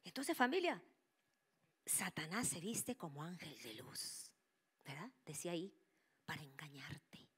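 A woman preaching to her church, telling a personal testimony with lively storytelling and dropping into whispers for quoted voices. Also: sits low, unhurried, pauses often, breathy edge. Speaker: church speaker.

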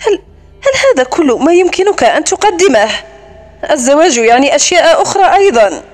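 A woman voicing a defiant, quick-tempered young noblewoman who answers with sharp, indignant retorts in a storybook reading. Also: sits high, big pitch swings.

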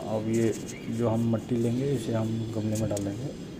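A young man talks viewers through his rooftop garden in a flat, even voice. His narration is casual and explanatory. Outdoor ambience and birdsong come through clearly. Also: fairly low pitch, moderate pace, heavy background noise. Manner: addresses viewers as friends, steady explanatory tone. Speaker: gardening vlogger.

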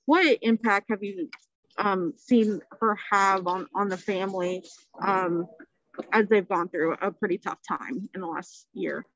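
A woman's voice: medium pitch, measured pace, fairly bright tone, no echo. A female reporter asks a coach a question carefully and politely. Her mid-range voice comes through a dull, lo-fi remote call, and it sounds dry with no room. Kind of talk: press conference question over a call.

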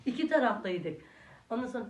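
A woman's voice: fairly high pitch, very animated, a little fast. An older woman, a grandmother, chatting casually to her viewers as friends and cooing at her little grandson in a sing-song way. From Turkey. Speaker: village vlogger and grandmother. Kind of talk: casual home vlog chat. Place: village house room. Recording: echoey room, mic at a distance.

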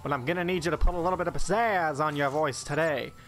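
A man's voice: a little high, quick pace, a bit bright, slight background noise. A man playing a pushy male movie producer, coaxing and upbeat.

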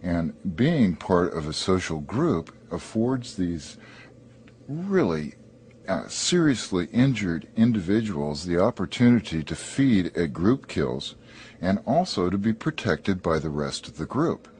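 A man's voice: sits low, very animated, a little slow, darkish tone. A middle-aged man explaining emphatically as an expert in a nature documentary interview.

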